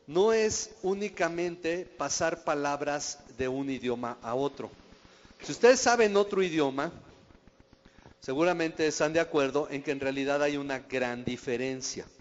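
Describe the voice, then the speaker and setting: A man's voice: on the high side, a little slow. A man, preaching as a pastor in a conversational way and often asking the audience questions. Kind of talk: sermon teaching. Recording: dull recording in a reverberant hall.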